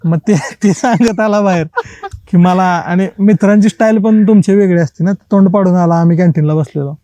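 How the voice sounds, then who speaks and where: A man, a writer and podcast guest, telling lively college anecdotes in a casual interview, acting out the dialogue in colloquial speech and laughing often. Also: high voice, fairly quick, dry recording.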